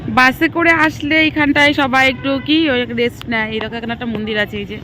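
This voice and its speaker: A woman with a hoarse voice from a cold, chatting straight to her viewers in a casual travel vlog, filmed outdoors on a handheld phone. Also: sits high, fairly even intonation, fairly quick, pushed and bright, slight background noise. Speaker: travel vlogger. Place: outdoors, bus stop and beach.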